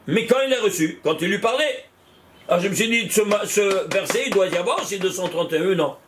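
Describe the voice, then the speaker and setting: A man teaching a Kabbalah study class, animated, repeating numbers out loud and exclaiming in wonder as he questions his students. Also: sits high, a little fast, noisy background. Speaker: Torah teacher.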